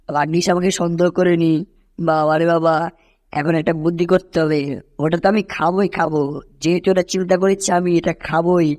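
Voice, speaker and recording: A woman's voice: on the low side, darkish tone, lightly acted. A woman voicing a hungry, scheming male house cat in a fan cartoon dub, muttering and groaning to himself.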